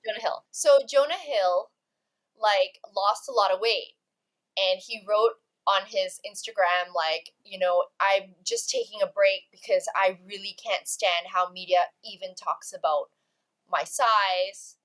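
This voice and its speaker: A woman from Malaysia, a guest in a casual interview over a video call, talking in an animated way and acting out quoted voices. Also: mid-range voice, unhurried. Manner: animated, acts out quoted voices, lots of fillers. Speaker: guest, actress and entrepreneur.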